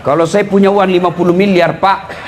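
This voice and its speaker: A man from eastern Indonesia with a lilt, preaching a humorous sermon to a live audience, teasing and often shouting and laughing. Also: high voice, level tone, a little fast, a crowd in the background, noisy background. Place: live event before an audience.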